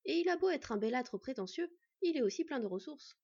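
A woman's voice: sits high, lively intonation, fairly quick, mellow, muffled recording, voice pushed up. A woman voicing a young half-elf man in a read-aloud story, teasing and trying to sound confident and soothing. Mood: reassuring.

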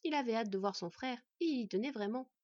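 A woman narrating a fantasy audiobook in an even, measured reading. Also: a little high, no echo, highs cut off.

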